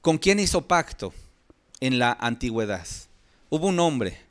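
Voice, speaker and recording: A man's voice: medium pitch, sing-song, a little slow, clean tone. A man preaching a Bible study to his congregation, asking rhetorical questions and stretching key words with emphatic rises. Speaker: pastor. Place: church.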